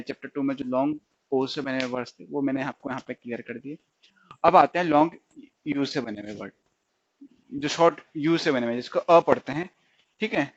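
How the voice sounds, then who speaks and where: A male stenography teacher giving a recorded lesson, explaining step by step, repeating each sound and checking that students follow. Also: mid-range voice. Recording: dull lo-fi sound.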